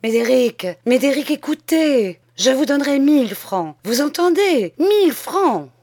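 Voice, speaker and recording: A woman's voice: medium pitch, lively intonation, measured pace, no echo, clean studio sound, pitched above the performer's own voice. A woman reading a storybook, voicing a violent-tempered village mayor who blusters and begs. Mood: begging. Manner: blustering, then pleading and stammering. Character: middle-aged male village mayor, violent-tempered, desperate.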